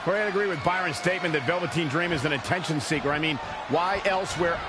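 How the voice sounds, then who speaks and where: A man's voice: a little high, fast talker. A male play-by-play commentator doing wrestling commentary in an earnest, descriptive way. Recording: game commentary over loud noise.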